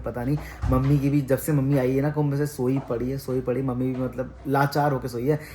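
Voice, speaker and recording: A man's voice: mid-range voice, darkish tone, a little hiss or hum. A young man hosting a casual family vlog, chatty and teasing, talking straight to his viewers. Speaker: vlogger host.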